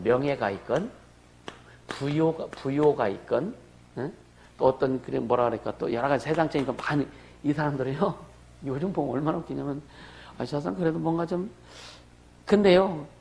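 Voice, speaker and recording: A man's voice: on the high side, a little hiss or hum. A male pastor preaching a sermon in a conversational way, asking the congregation questions and calling for amens. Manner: conversational preaching with rhetorical questions and calls for amen.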